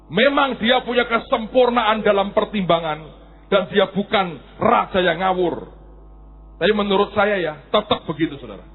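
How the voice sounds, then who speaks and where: A middle-aged male pastor delivering an animated sermon and acting out little scenes as he goes. His voice is high and husky, with a lively, swooping pitch. The recording is thin and tinny, like a phone line. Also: normal speed. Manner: animated, acts out stories and voices.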